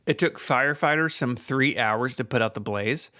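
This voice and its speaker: A man's voice: medium pitch, normal speed, dry recording, clean studio sound. A man co-hosting a casual podcast, trading history facts, laughing often and reading a sponsor spot. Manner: laughs often, relaxed banter. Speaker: podcast co-host. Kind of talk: casual podcast chat and ad read.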